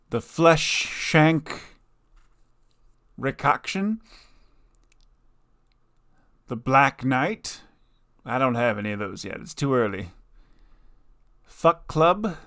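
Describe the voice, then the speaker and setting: A man casually commentating a game he plays, joking and trading in slow, deliberate punchlines. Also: medium pitch, fairly bright tone, dry recording, clean studio sound. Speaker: gaming video host. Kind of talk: casual let's-play commentary.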